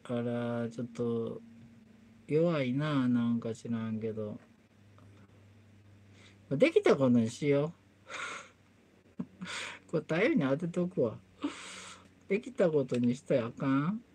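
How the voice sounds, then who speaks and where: A woman's voice: a bass voice, animated, takes it slowly, long pauses, dark tone, a little hiss or hum. A woman with a Kansai accent and Kyoto dialect, chatting casually on a livestream while doing a repair and muttering to herself as she works. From Kansai, Japan. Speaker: livestream host.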